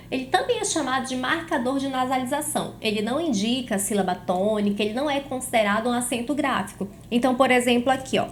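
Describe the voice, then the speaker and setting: High-voiced woman teaching a grammar lesson. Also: a bit bright, slight background noise. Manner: clear, didactic, slows down to stress example words. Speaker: Portuguese teacher.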